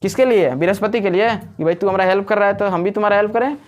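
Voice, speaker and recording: A man's voice: high voice, quick pace. Joking male teacher with a Jharkhand accent. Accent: Jharkhand Hindi. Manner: joking, chatty, quizzes the class. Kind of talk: classroom lecture. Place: coaching classroom.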